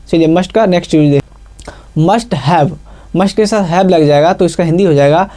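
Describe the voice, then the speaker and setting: A man's voice: high-pitched, warm tone. A man teaching a grammar lesson, explaining step by step and asking himself questions before he answers them. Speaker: English teacher.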